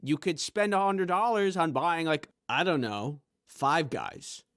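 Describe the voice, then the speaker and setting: A man's voice: fairly high pitch, a little slow, a bit bright, no room sound, studio quality. A man doing comedic vlog talk to camera, jokey and self-mocking. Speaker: YouTuber.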